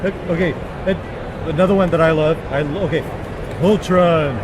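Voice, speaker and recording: A man puts on a goofy, excitable puppet interviewer with a high voice. He gushes and stammers like an eager fan, with clear outdoor traffic noise around him. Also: moderate pace, close to an everyday voice. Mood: eager, fannish.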